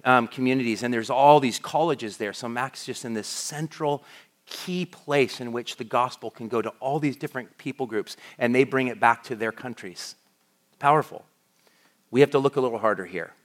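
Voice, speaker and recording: A middle-aged pastor from the United States preaches at a moderate pace in a mid-range voice. It's a conversational sermon in which he keeps restarting sentences and adding fillers.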